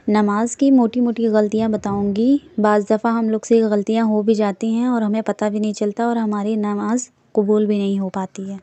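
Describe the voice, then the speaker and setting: A woman teaches with quiet earnestness, her voice mellow and dark in tone. She speaks in a level, steady line and slows carefully whenever she models a phrase. The recording is dry and close. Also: mid-range voice, no room sound. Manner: earnest, slows down to spell out recited words. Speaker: religious teacher. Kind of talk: instructional talk on prayer.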